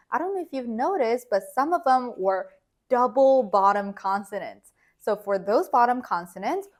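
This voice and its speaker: Woman teaching a final consonant pronunciation drill. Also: fairly high pitch. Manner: instructional, says drill words twice in isolation. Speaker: Korean language teacher. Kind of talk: pronunciation lesson with final consonant drill, reading example words one by one.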